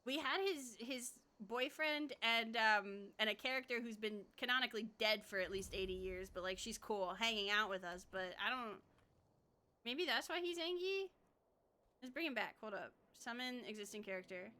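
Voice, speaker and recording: A woman's voice: on the high side, animated, moderate pace, bright, forceful tone. A woman livestreamer chatting casually over a game in a cute, bubbly anime-streamer manner, giggly and self-deprecating. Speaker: streamer, VTuber. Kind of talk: casual livestream gaming chat.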